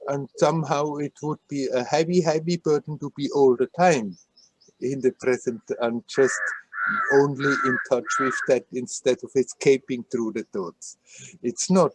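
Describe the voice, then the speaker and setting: A man giving a spiritual satsang talk on a video call, gentle and laughing often as he speaks. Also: mid-range voice, fairly even intonation, normal speed, low-quality recording. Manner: gentle, laughs often, repeats words playfully. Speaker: spiritual teacher.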